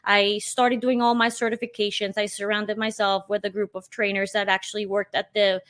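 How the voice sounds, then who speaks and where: A woman's voice: mid-range voice, little pitch movement, moderate pace, a bit bright. A woman in her thirties from Colombia, a podcast guest talking casually and emphatically, with plenty of "you know". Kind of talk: casual interview chat.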